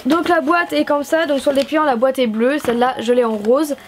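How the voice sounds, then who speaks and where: A woman's voice: sits high, fairly even intonation, a little fast, slight background noise. A young woman from France chatting through a stationery box unboxing, gushing and enthusiastic, with frequent fillers. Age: young adult. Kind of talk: casual vlog unboxing.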